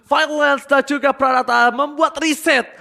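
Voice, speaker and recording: A man with an Indonesian accent calling esports play-by-play like a fighting game announcer, in excited, punchy hype calls sprinkled with English gaming terms. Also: extremely high pitch, a little slow, vocal fry. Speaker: esports shoutcaster. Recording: music behind the commentary. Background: music.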